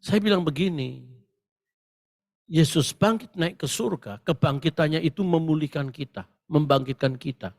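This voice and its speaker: A male pastor preaching a Pentecostal sermon, telling stories with great animation and breaking into shouted proclamations. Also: on the high side, normal speed, gravelly.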